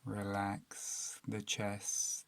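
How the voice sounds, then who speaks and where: This guided meditation is narrated by a man with a fairly low pitch and some vocal fry, who stays calm, soothing, and unhurried, leaving long gaps between phrases.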